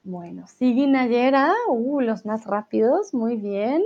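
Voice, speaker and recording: Woman, slow and patient language teacher on a live stream, higher voice, dull lo-fi audio. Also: lively intonation, darkish tone. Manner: patient, explains slowly, chats with viewers. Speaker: Spanish teacher. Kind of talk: live-streamed lesson reading chat.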